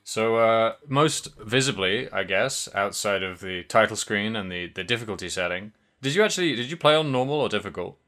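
A podcast co-host chats casually in a fairly low, expressive voice with a sharp tone. His speech is halting, with many fillers and frequent restarts of his sentences.

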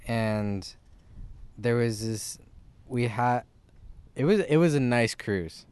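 A man of middle pitch chats casually on a podcast, stumbling through his story with many false starts and restarts. He speaks close into a podcast microphone. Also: a little mellow, smooth, no echo. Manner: halting and rambling, with many restarts. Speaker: podcast co-host. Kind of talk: casual chat.

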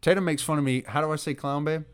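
A man's voice: fairly high pitch, steady tone, quick pace, smooth. A man, hosting a casual podcast, teasing and exclaiming often. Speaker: podcast host.

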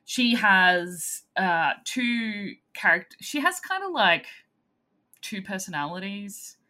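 Casual podcast co-host: woman, very animated pitch, bright voice, agreeable and quick to laugh. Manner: lively, agreeable, laughs often. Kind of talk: casual chat.

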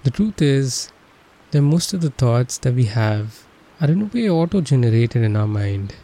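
A man leading a guided meditation as an instructor, speaking in a calm, soothing and unhurried manner. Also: medium pitch.

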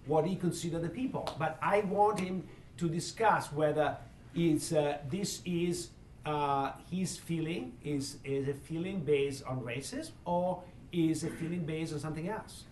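A man with a thick foreign accent and a slightly high voice answers in a halting way, searching for his words. He sounds like a professor in a live discussion, picked up from a distance in an echoey room. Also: darkish tone. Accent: strong foreign accent. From immigrant, from abroad. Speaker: university professor, event host. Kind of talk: panel discussion, answering audience questions. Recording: echoey room, distant mic, faint noise.

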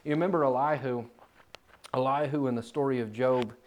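A man preaching a sermon in a church, swinging from loud, climbing emphasis to quiet, low asides. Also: steady tone, fairly quick.

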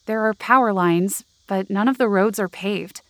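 A young woman narrates and plays the lead in a supernatural audio drama, sounding uneasy and hushed as an anxious but determined, earnest, descriptive character. The recording is dry, and her lightly acted, mid-range voice moves at normal speed.

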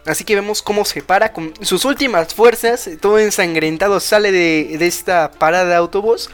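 A man's voice: high-pitched, moderate pace, soft background music. A young man with a Mexican Spanish accent, casually retelling an anime episode on a podcast in a rambling, slangy way full of fillers. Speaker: podcast co-host.

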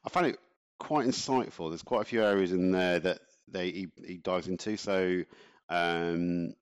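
A man's voice: deep voice, unhurried, smooth. A man co-hosting a casual chat podcast, talking in a chatty, ranting way and laughing often. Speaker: podcast co-host.

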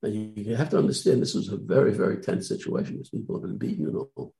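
An older man recalling his own experiences in a halting way, often restarting and repeating words. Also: fairly low pitch, creaky, warm tone, rough recording. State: tearful at times. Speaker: guest recounting civil rights work. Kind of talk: personal recollection.

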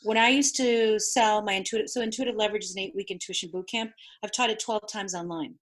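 A woman whose first language is Spanish hosts a conversation as a business coach, telling animated stories. Her voice sits at a middling pitch, and she speaks with plain everyday energy. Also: fast talker. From New York City. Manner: animated storyteller, acts out quoted voices. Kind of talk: conversational interview.

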